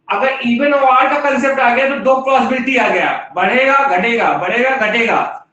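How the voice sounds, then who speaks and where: Male math teacher, high bright voice, step-by-step explainer, heard from a distance with a dull tone. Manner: explains step by step with rhetorical questions. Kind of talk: classroom lecture. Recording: distant, echoey room, dull sound.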